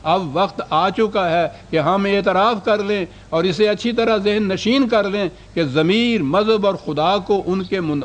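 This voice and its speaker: An older man giving a scholarly lecture, reading out historical quotations and putting rhetorical questions to his audience. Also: sits high.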